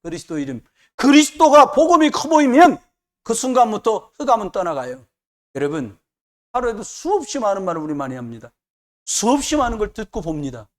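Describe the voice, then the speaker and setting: A man's voice: high-pitched, big pitch swings, brisk. A man preaching a sermon as pastor, emphatic and repetitive, with joking asides.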